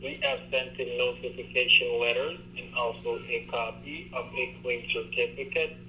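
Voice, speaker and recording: A man's voice: mid-range voice, little pitch movement, moderate pace, bright, forceful tone, slight background noise. Overly polite man on a tinny phone line. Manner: formal, overly polite, repeats "wonderful". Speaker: scam caller. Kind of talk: scripted sales pitch over the phone.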